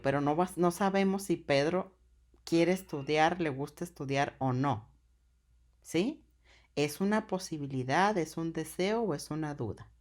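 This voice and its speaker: Slow, patient woman teaching grammar. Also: on the low side, darkish tone. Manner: patient, checks in with frequent "ok?". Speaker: Spanish teacher. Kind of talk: classroom grammar lesson.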